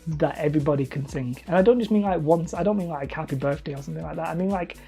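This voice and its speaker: While building hobby terrain live on stream, a man talks fast with vocal fry and a dark tone, reading chat aloud in a rambling, self-deprecating way. He says his voice is high and whiny. Faint music plays in the background.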